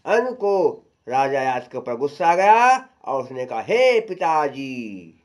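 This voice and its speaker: A man's voice: medium pitch, very animated. A man telling a devotional folk story and breaking into song. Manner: slow, singing in a lilting folk style. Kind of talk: devotional story recital with singing.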